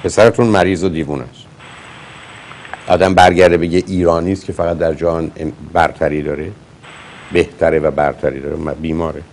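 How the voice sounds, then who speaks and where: Deep gravelly male psychologist host. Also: little pitch movement, a little mellow, a little hiss or hum. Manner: blunt, lecturing, emphatic. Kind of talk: call-in advice show.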